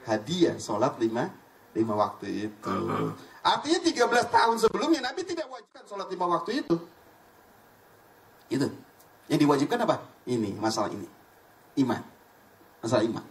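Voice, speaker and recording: Animated preacher, distant mic. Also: male voice. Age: middle-aged. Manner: animated, jumps between high exclaims and low asides, acts out dialogue. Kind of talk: lively Islamic sermon with storytelling. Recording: distant mic in a hall with faint room noise.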